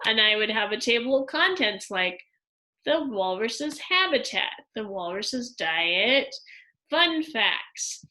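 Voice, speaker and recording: A woman teacher walking second graders through a worksheet in a slow, patient lesson, explaining each step aloud. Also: fairly high pitch, animated, bright, forceful tone, poor audio. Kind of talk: instructional screen-recorded lesson.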